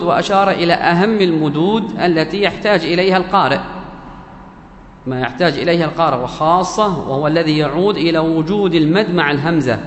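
A man teaching a religious lesson on Quran recitation, explaining patiently and repeating key terms and examples slowly. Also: fairly high pitch. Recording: echoey hall with faint ambience.

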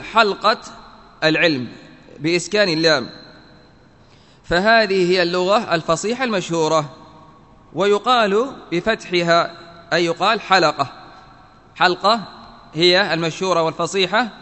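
A long reverb from the hall hangs over this religious lesson. The male Islamic teacher's voice sits high, pushed and bright, as he reads quotes from a classical text, carefully spells out each word's vowels, and then explains.

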